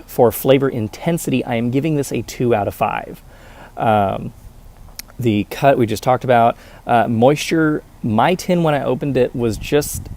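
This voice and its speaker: A man talking casually to viewers as a reviewer, explaining methodically with hesitant pauses. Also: medium pitch, mellow. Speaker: pipe tobacco reviewer.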